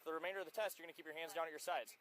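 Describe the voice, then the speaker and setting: A man's voice: a little high, fairly even intonation, very fast, a crowd in the background. A male police officer giving field sobriety test instructions, firm and commanding, repeating his directions.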